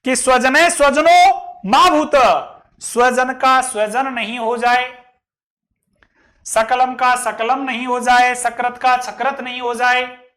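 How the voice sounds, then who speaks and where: Man, grammar teacher, bright voice, slow verse recitation, explaining word by word. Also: very high-pitched, flat delivery. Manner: recites verses slowly, then explains them. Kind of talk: online grammar lesson.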